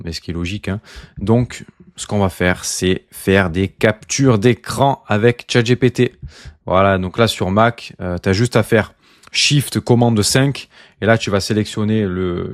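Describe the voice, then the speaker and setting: A man leads a casual screen-recorded lesson with a somewhat low voice. He speaks informally to the viewer, with plenty of fillers and little asides. The sound is dry and close, with no room around it. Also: dry recording. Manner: chatty, informal, addresses viewer as tu, many fillers. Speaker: online course instructor.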